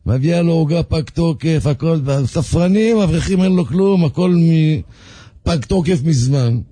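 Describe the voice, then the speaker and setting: Guy telling a story on radio, animated, kinda husky, no room echo. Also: on the high side. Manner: animated, jumps between voices, repeats words for effect. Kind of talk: lively spoken storytelling.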